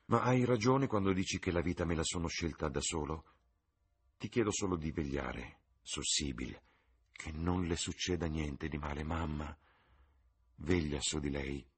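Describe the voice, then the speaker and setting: A man voicing a sullen, blunt young sailor brother in an audiobook, husky and subdued. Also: very deep voice, normal speed. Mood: brooding.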